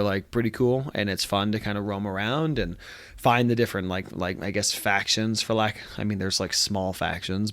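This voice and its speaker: A man's voice: on the low side, fairly bright tone, clean tone. A young man talks casually about a game he has been playing. His nose is stuffy and congested, and he rambles through frequent fillers and restarts. He sits in a dry, close room with almost no echo. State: congested from allergies. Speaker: gaming video host. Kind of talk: casual talk to camera. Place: friend's apartment room.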